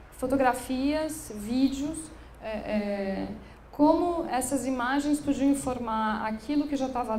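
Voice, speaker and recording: Speaking as a curator at a public lecture, a woman from São has a fairly high, slightly mellow voice and stumbles along with frequent restarts and fillers. The talk takes place in a room inside an occupied building, recorded with echo and faint background noise.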